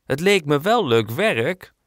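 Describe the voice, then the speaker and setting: A man's voice: on the high side, very animated, takes it slowly, no echo, clean studio sound, pitched above the performer's own voice. A man voicing a friendly elderly man, a retired carpenter, in a children's audiobook. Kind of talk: audiobook character voice.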